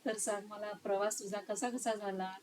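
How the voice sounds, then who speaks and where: A woman interviewer asking questions and murmuring agreement softly. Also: mid-range voice, fairly even intonation, moderate pace, slight background noise. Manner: frequent soft backchannel murmurs.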